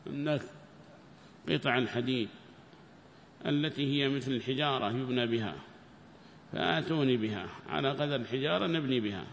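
Male scripture teacher, mid-pitched voice, poses quick questions to students; echoey hall with faint noise. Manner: quizzes listeners with quick rhetorical questions. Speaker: Quran teacher. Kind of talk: verse-by-verse scripture lesson.

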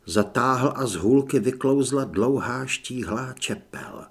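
A man narrating an audiobook in an expressive storytelling manner, with a husky voice. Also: medium pitch. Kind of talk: scripted narration.

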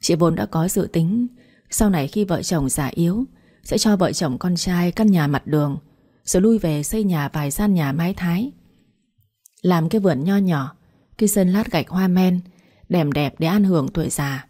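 Woman narrator for an audiobook story, steady and earnest, low husky voice.

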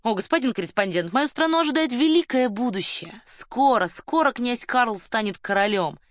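A woman voicing a pompous, boastful male colonel who flirts in a low, smug murmur, in an audiobook. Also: expressive, normal speed, no echo, studio quality, lightly acted. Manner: smug, lowers voice to a suggestive murmur.

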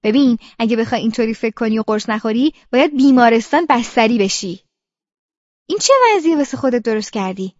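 A woman's voice: fairly high pitch, expressive, no room sound, highs cut off. A woman voicing an impatient, condescending female psychiatrist who lectures her patient in an audiobook. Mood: scolding. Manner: lectures and scolds, then coaxes.

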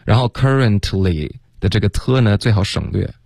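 A man teaching English pronunciation on a radio lesson, explaining patiently and slowing down to demonstrate each sound. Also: on the low side, animated, vocal fry, a little mellow, dry recording, studio quality. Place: radio studio.

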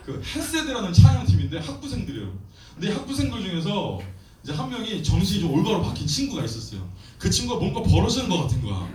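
Man, thirties, missionary preacher; animated storytelling, higher voice, roomy hall sound with faint noise. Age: 30s. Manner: animated storytelling with acted quotes. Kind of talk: sermon testimony. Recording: echoey hall, distant mic, faint noise.

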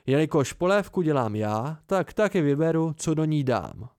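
A man's voice: a little high, very animated, a little mellow, no room sound, clean studio sound. Kvot, a man voicing a weary innkeeper. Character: weary soft-spoken innkeeper man, dry and patient. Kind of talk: amateur audiobook voicing.

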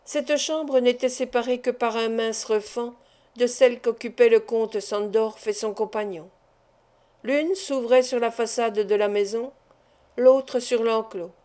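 A woman reading a classic adventure novel aloud in a measured narration. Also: on the high side, steady tone, dark tone. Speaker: audiobook reader. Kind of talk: scripted narration.

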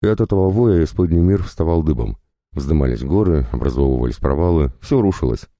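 A man narrating a first-person fantasy audiobook, reading in an expressive, conversational way. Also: extremely low pitch, brisk, no room sound, studio quality.

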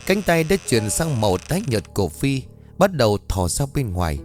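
A male storyteller reading a ghost story in a tense, dramatic way. His pitch rises and falls with lively expression, and soft music runs faintly underneath. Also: moderate pace. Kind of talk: dramatic horror story narration.

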